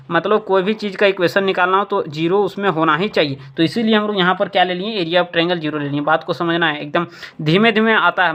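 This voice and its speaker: A man's voice: high-pitched, fairly bright tone. A male maths teacher from India explaining a board lesson step by step, asking himself questions and repeating the key points.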